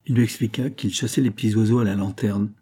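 A man narrating a classic novel as an audiobook in a steady, measured storytelling manner. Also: fairly low pitch, breathy edge. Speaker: audiobook reader.

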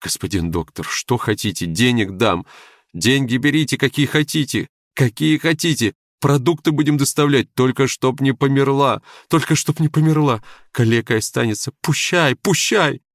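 A man voicing a desperate middle-aged peasant father who pleads frantically and breaks into high cries. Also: normal speed, dry recording, studio quality, lightly acted. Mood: frantic pleading.

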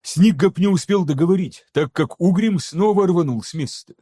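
Guy narrating an audiobook, mellow dark tone, slightly high voice, steady even reading. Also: normal speed, slightly rough. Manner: steady, even storytelling that voices each character. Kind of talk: scripted narration.

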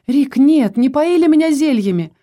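A weary young wife who gives soft, evasive, sighing answers, as a woman reads her lines. The voice is mellow and gentle, close to the narrator's own, in a storybook reading. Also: medium pitch, fairly quick, lightly acted.

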